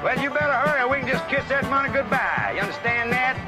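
A brash trucker barks fast and high over a crackling CB radio. Loud music plays beneath him. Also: male voice, animated. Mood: urging. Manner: fast, pushy, uses trucker radio talk. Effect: voice heard over a CB radio.

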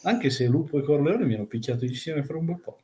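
A man's voice: on the high side, lively intonation, quick pace, dark tone. A man bantering casually in a joking, teasing way.

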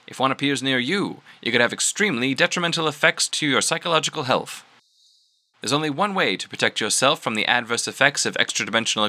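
A man playing a cheery radio announcer who reads a cigarette advertisement in an old-time radio style with a smooth sales pitch. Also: pushed and bright, full character voice.

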